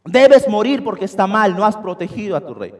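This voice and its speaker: A man delivers an expository sermon from the pulpit in a church sanctuary. His voice sits high and carries with emphasis, often calling the congregation his brethren. A long reverb from the hall follows his words. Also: big pitch swings, a little fast, a little mellow. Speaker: preacher.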